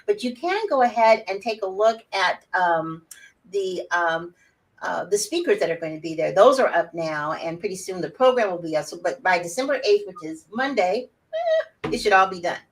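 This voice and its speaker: An outspoken woman in her sixties talks animatedly as an interview guest. Her voice sits at a middle pitch and sounds a little distant from the mic. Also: normal speed. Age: 60s. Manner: animated, outspoken, laughs often. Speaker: guest, wellness summit organizer. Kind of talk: casual interview chat.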